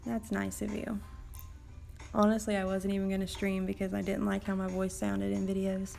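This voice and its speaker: A woman's voice: mid-range voice, level tone, a little slow, vocal fry, pauses often, a little mellow, soft background music. A woman casually chatting and commenting while livestreaming a mobile game, rambling and swearing now and then, her voice tired late at night. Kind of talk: casual live gameplay commentary.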